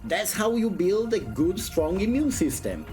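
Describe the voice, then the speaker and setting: Over music, a mid-range, very animated voice speaks at a measured pace. It belongs to a non-native English-speaking streamer who reads a visual novel dramatically and fills the gaps with jokey, sweary, slangy banter.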